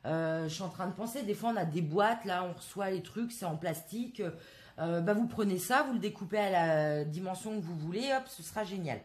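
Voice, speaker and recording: A woman's voice: on the low side, fairly quick, a little mellow. A woman from France in a casual haul video, chatting to her viewers with many hesitant fillers. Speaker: craft vlogger.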